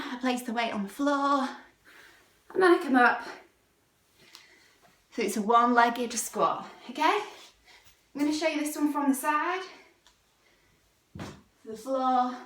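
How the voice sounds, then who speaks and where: A woman's voice: high voice, pushed and bright. A young woman, a fitness instructor, talking casually through a workout vlog, upbeat and chatty, at times out of breath.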